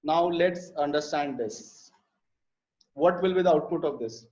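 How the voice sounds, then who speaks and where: A programming instructor leads a live online coding lesson, explaining step by step with frequent fillers and repeated words. His voice is fairly high with a darkish tone and an unhurried delivery. The computer mic gives dull, lo-fi live class audio.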